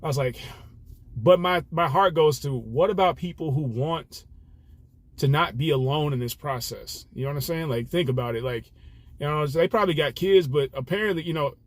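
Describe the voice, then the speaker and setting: A young man with a fairly high voice speaks at normal speed in a dry recording. A rideshare driver, he shares a personal story earnestly and reflectively, rambling and using lots of fillers.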